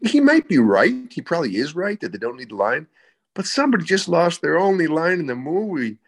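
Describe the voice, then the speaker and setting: A man's voice: a little high, sing-song, brisk, vocal fry, husky. A man, an actor guest, telling stories in casual chat, repeating words as he searches for them.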